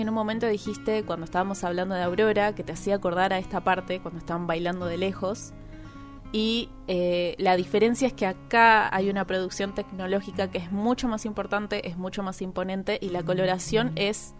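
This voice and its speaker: A woman's voice: medium pitch, fairly even intonation, a little fast, faint music behind. A woman, co-hosting a podcast and explaining film animation details in casual chat. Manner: explanatory, analytical about animation. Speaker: podcast co-host.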